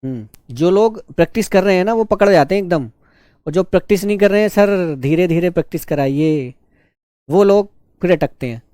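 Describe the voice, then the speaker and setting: A man teaching a shorthand class, teasing his students and dictating words slowly. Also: sits high, expressive, warm tone, no echo, studio quality. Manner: slow, drawn-out dictation. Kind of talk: live online class dictation.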